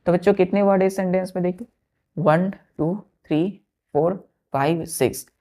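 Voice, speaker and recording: A woman's voice: fairly low pitch, fairly even intonation, moderate pace, warm tone. A woman teacher gives a vocabulary lesson, spelling words letter by letter and counting aloud. She repeats each word and keeps checking that her students follow.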